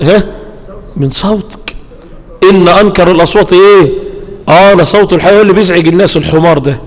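A man preaching a sermon in colloquial Egyptian Arabic. He asks his listeners questions and answers them himself, and he recites scripture slowly. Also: high-pitched, long reverb tail.

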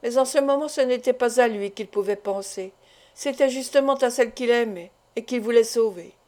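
A woman reading a classic novel aloud as an audiobook narrator, in a measured, literary way. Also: a little high, a little mellow. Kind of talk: scripted narration.

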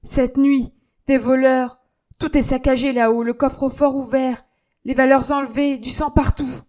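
A woman reading aloud voices a male concierge who talks in high, loud, broken outcries. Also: flat delivery, measured pace. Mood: panicked. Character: panicked middle-aged male concierge, then insolent.

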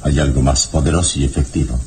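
Kalimán, deep and solemn. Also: male voice, steady tone, a little mellow, slight background noise. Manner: slow, solemn, commanding. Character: calm mystic hero, mind over weapons. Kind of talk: 1960s radio drama acting. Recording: radio drama with music bed.

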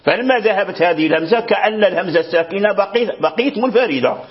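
A man's voice: high voice, lively intonation, quick pace, lo-fi sound. A man teaching Quran recitation rules, repeating words, restarting often and checking that his student follows. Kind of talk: explaining a lesson to a student.

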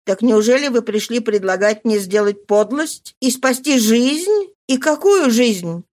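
A woman's voice: a little high, animated, measured pace, a little mellow. A woman reading a novel aloud, voicing a proud, betrayed husband who speaks with cold reproach. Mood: bitter, accusing.

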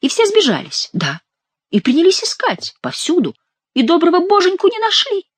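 Женщина в роли насмешливого дерзкого шута. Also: female voice, very high voice, huge pitch swings, no room sound, pitched above the performer's own voice, full character voice. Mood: teasing. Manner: mocking, quick-witted, theatrical. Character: mocking cheeky male court jester, bold. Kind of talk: audiobook character reading.

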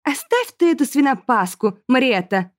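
A woman's voice: high voice, big pitch swings, normal speed, no echo, studio quality, voice pushed up. A woman reading an audiobook, voicing a snooty aristocrat girl who speaks with cold condescension. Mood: scornful.

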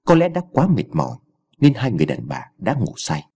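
A man narrating an audiobook story in an expressive storytelling manner. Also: on the low side, fairly quick, husky.

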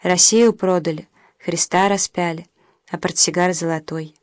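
A brutal, swaggering male soldier from a storybook speaks loudly and in a businesslike way, as a woman narrator reads his lines. The voice sits on the low side and is recorded dry and close. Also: fairly even intonation, moderate pace, no echo, lightly acted. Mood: mocking. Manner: loud and businesslike.

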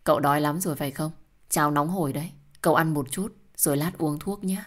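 A woman's voice: deep voice, fast. A woman voicing a kind young doctor friend who coaxes a patient to eat and rest, in an audio story. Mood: coaxing. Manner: warm, coaxing, insistent.

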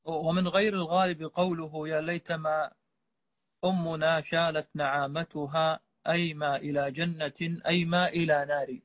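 A man's voice: on the high side, little pitch movement, normal speed, no room sound. A man reading a classical text aloud in class, carefully, with small stumbles and fillers. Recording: dull, dry lo-fi recording.

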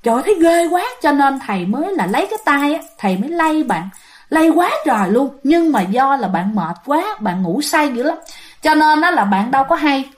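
A woman's voice: high voice, very animated, brisk. A woman telling a ghost story, chatty and talking straight to her listeners. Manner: chatty, addresses listeners directly.

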